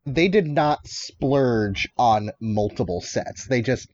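A man co-hosting a podcast, chatting about a film with lively interjections and laughter. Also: medium pitch, slow, no room sound, muffled recording. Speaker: podcast co-host. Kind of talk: casual film discussion.

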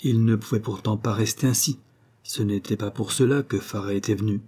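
A man narrating a classic novel as an audiobook, with a measured, expressive reading. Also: on the low side, husky.

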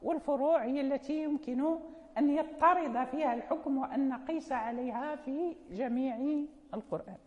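Moroccan woman, high voice, recitation teacher explaining with fillers, muffled recording in a reverberant hall. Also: brisk, darkish tone. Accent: Moroccan Arabic. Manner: explanatory, with fillers and self-corrections. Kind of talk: lecture.

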